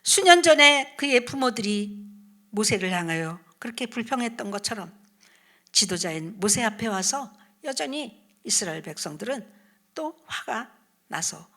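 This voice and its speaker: A woman evangelist telling a Bible story to children, animated, asking questions and dropping into soft whispered asides. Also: medium pitch, slightly rough.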